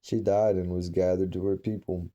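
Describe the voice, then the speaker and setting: A man reading aloud from an old scripture in a measured, solemn way, with occasional slips and restarts. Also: sits low, little pitch movement, warm tone, lo-fi sound. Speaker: scripture reader.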